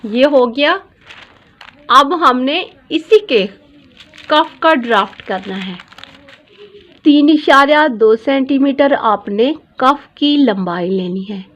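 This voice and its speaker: A woman's voice: sits high, animated, takes it slowly, fairly bright tone, lo-fi sound. A woman, a dress designer teaching pattern drafting step by step, patiently repeating every measurement. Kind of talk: step-by-step sewing tutorial.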